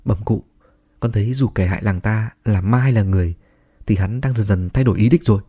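Cool, defiant young woman in a storybook, read by a man; steady, pointed, dark tone. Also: on the low side, a little fast, breathy edge. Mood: calm, pointed.

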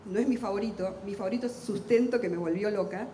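A middle-aged woman with an Argentine accent, a literary translator talking quickly and intensely on a book fair panel, with self-deprecating humor. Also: medium pitch, dark tone, a little hiss or hum. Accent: Argentine Spanish. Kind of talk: lively public talk at a book fair. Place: large hall at a book fair. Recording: echoey hall with long reverb.

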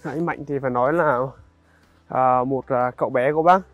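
A young man, narrating a casual outdoor vlog in a halting, conversational way and speaking directly to viewers. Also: medium pitch, dry recording, muffled recording, soft background music. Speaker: vlogger. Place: outdoors in a highland village.

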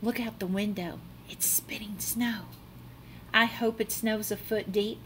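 In a small indoor classroom, a middle-aged woman with a mid-range voice reads a children's picture book aloud like a teacher. Her delivery is animated and dramatic, with expressively drawn-out words, and there's slight background noise.

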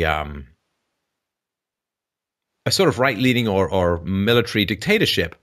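A man hosting a call-in show, explaining at length in a conversational way, often pausing with ums and restarting phrases. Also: deep voice, a bit bright. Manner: hesitant, frequent ums and restarts.

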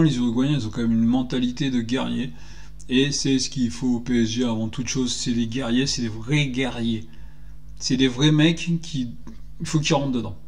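A man in his forties giving an indignant, animated solo opinion talk, firing rhetorical questions, recorded on a desk microphone in a small room. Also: medium pitch. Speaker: football commentator vlogger. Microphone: desk microphone on stand.

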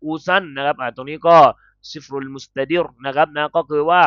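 A man's voice: a little high, fairly even intonation, a bit bright, smooth, no echo, muffled recording. A man teaching the Quran, patiently explaining letter sounds and vowel lengths step by step. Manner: drawn-out melodic chanting, then patient step-by-step explanation. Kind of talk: slow Quran recitation, then explaining pronunciation.

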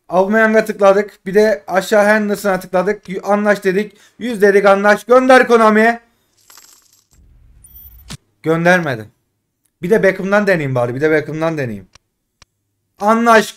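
Opening game packs on a casual live stream, a male streamer with a high-sitting, clean tone sounds frustrated, alternating between loud pleading outbursts and quiet muttering.

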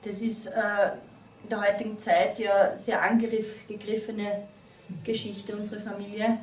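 Captured on a distant camera in a small meeting room, this roomy recording carries slight background noise. The speaker is a woman in her thirties with an Upper Austrian accent, a guest giving an earnest public talk to a small group, often restarting and filling her sentences. Her voice is medium-pitched and darkish, with little pitch movement and a measured pace.

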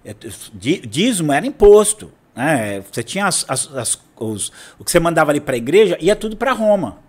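Man, Brazilian Portuguese accent, casual history teacher, animated, slightly high voice. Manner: animated, acts out quotes with many restarts. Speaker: guest teacher of church history.

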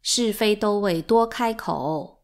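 A sharp-tongued household maid from a storybook, as a woman reads her part. She mocks and teases with a dry, sardonic edge. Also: mid-range voice, takes it slowly. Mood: teasing. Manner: sardonic, teasing.

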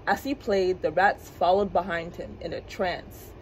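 Expressive woman reading a storybook. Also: fairly low pitch, a little slow, slight background noise, poor audio. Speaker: librarian storyteller. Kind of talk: children's story time reading. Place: public library.

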